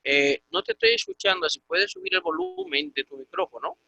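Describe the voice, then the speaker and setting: A man teaching a Greek class over a video call, explaining patiently and repeating words slowly. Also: high-pitched, huge pitch swings, creaky, pushed and bright, highs cut off. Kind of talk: online class lesson.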